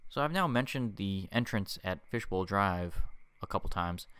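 A man's voice: deep voice, expressive, normal speed, a bit bright, clear, resonant tone, no room sound. A man casually narrating a boat tour voice-over for his travel vlog, chatty and easygoing with self-deprecating asides.

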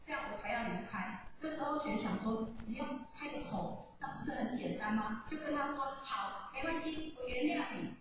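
A woman giving a lively religious testimony, telling her story with laughs. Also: high-pitched, moderate pace, hardly any pauses, a little hiss or hum. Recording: echoey hall from far off.

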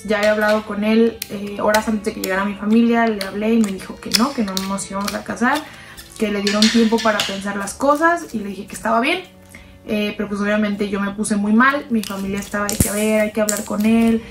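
A young woman with a Mexican accent telling a personal story in a chatty storytime manner, often calling the listener "sister". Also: mid-range voice. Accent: Mexican Spanish. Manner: chatty, addresses listener as "hermana". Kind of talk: storytime narration. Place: unseen voice-over. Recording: background music under the voice.

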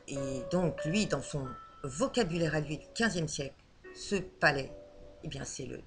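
A woman teaching a lesson on Old French, explaining patiently with frequent hesitations. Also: low voice.

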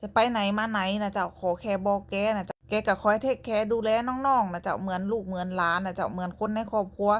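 A woman's voice: medium pitch, quick pace, few pauses. A young woman with a Northern Thai accent, narrating her own vlog in a chatty way and closing her phrases with polite particles. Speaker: vlogger.

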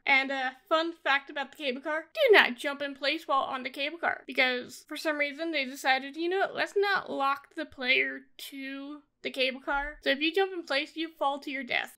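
A woman's voice: sits high, pushed and bright. A woman giving a casual, informal recap of a video game, griping with blunt opinions as she goes. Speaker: gamer reviewing a video game. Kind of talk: casual gameplay recap commentary.

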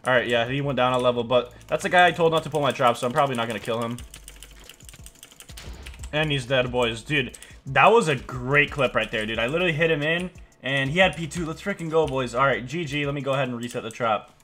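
A young man with a frat-bro manner commentates on his gameplay in a casual way. His mid-pitched voice carries loose slang, full of dude and bro, as he hosts a gaming video. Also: fast, bright, forceful tone.

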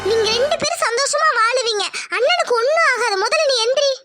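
A woman voicing a bold, protective young village woman in a cartoon, in bossy, reassuring rustic speech, with a pitched-up voice. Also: brisk, bright, forceful tone, faint music behind.

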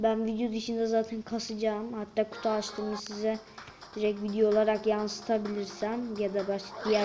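A woman's voice: a little high, rough recording. A woman giving restless, frustrated play-by-play commentary while gaming, often exclaiming in exasperation. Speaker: gaming video creator. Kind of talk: live gameplay commentary. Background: game music.

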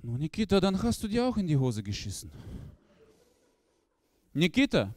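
A man voicing a dim, stoned teenage boy who is anxious and earnest and speaks in a slow, low, mumbled deadpan. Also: long reverb tail. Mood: dopey deadpan.

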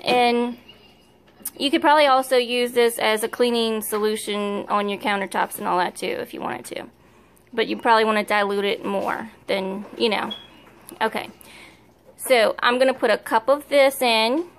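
Chatty woman with a high voice. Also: steady tone, moderate pace, a little hiss or hum. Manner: chatty, rambling, self-correcting. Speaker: home video maker. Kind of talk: casual how-to demonstration. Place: home kitchen, indoors.

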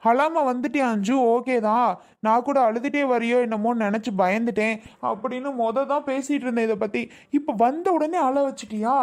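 A woman's voice: medium pitch, darkish tone, lightly acted. A woman playing an exasperated young husband. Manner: scolding, exasperated. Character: protective young husband and brother. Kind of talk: family skit acting.

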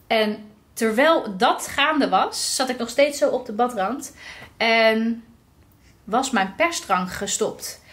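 A woman tells a personal story in a vlog, with a slightly high voice. She talks in a lively way and acts out the quotes of the people in it. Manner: lively, recounting with acted-out quotes. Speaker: vlogger.

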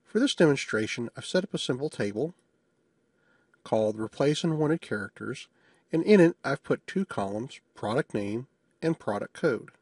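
Husky man narrating a software demo. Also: medium pitch, animated, moderate pace, no echo, studio quality. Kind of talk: screencast tutorial narration.

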